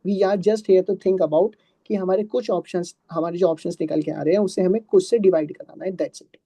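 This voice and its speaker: A man's voice: high voice, fairly even intonation, moderate pace, mellow, no room sound. Man teaching math to a live class. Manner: conversational, quizzes students and answers for them; patient, calls students "beta".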